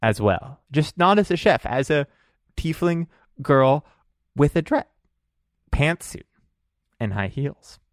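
A man playing a tabletop game, speaking bluntly and low-key. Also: very animated, slow pace, long pauses, no echo, clean studio sound. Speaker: player.

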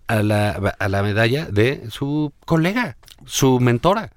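Easygoing Mexican man, lively delivery. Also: medium pitch, a little slow, dry recording, studio quality. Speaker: co-host. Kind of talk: casual political chat.

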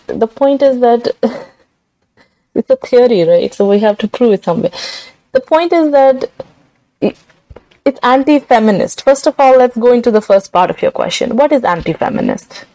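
A woman's voice: on the high side, dark tone, no echo, low-quality recording. A woman from Kashmir with a Kashmiri accent, answering interview questions in an emphatic, explanatory conversational way. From Srinagar, Kashmir. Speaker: guest researcher being interviewed.

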